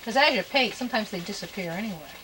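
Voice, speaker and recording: Female painting host: gentle, folksy, easygoing instructor, mid-pitched, chatty step-by-step delivery, light background noise. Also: animated, fast talker. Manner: folksy, chatty, murmuring asides to self. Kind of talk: casual step-by-step painting demonstration.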